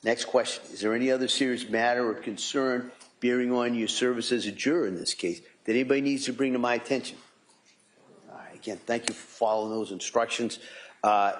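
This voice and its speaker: An American man, a judge, speaking courteously and haltingly as he explains things from the bench. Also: mid-range voice. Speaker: judge presiding over a trial.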